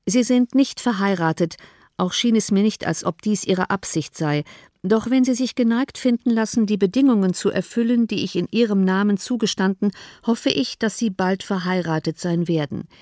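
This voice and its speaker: A woman narrating an audiobook of a classic novel in a steady, clear reading voice. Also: medium pitch, no echo, studio quality.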